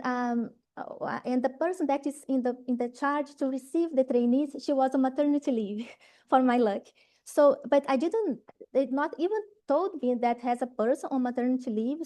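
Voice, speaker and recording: Addressing trainees informally, a woman from Brazil talks in English, her second language, with a Brazilian Portuguese accent. Her delivery is hesitant, with many fillers, restarts and a recurring "right?". She has a low voice and a dark tone.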